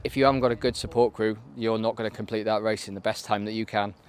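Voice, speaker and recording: A man's voice: lowish voice, steady tone, fast. A man in his thirties, interviewed outdoors by a lake, giving matter-of-fact answers and saying "yeah" often. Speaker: army canoe racer being interviewed.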